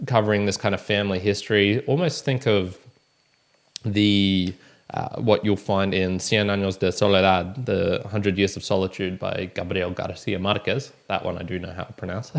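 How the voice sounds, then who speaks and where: Gravelly, deep-voiced man hosting a book recap. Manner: rambling, self-correcting, frequent restarts. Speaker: book review channel host. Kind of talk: casual monthly book recap.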